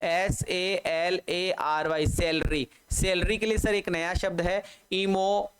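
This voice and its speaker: Teaching English vocabulary in Hindi online, a man with an Indian accent spells out every word letter by letter, repeats it over and over, and has students repeat aloud. He speaks slowly in a high-pitched, steady voice that is a bit bright, clear, and resonant.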